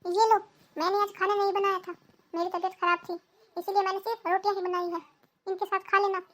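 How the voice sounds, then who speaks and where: A woman voicing a resentful elder daughter-in-law in a cartoon, sharp and scolding. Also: extremely high pitch, level tone, fast talker, very noisy. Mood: irritated.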